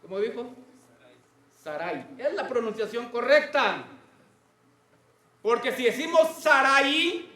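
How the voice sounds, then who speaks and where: High-voiced, bright male preacher. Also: echoey room. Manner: asks the congregation questions often. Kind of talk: sermon.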